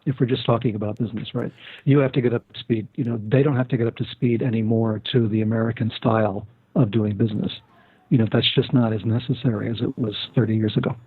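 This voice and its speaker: Husky older man on a tinny line. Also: on the low side, fairly even intonation, quick pace, no echo. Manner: storytelling, many fillers and restarts. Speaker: guest. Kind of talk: casual interview talk. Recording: tinny phone-line sound.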